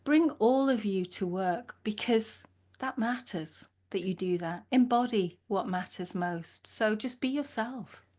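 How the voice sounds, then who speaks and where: A woman speaks thoughtfully as a podcast guest, working through ideas with gentle rhetorical questions. She laughs easily between points, and her voice sits at a middle pitch. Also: unhurried. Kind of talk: reflective interview talk.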